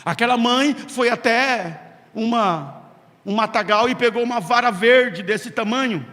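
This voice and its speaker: High-voiced preacher in an echoing hall. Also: male voice, pushed and bright. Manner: storytelling with dramatic pauses and acted quotes. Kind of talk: sermon. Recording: long hall reverb.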